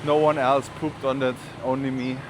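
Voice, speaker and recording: This German vlogger, speaking with a German accent, strolls city streets and chats casually, wandering off into informal asides. His medium-pitched voice barely moves in pitch and keeps a moderate pace, with urban noise and passing cars behind.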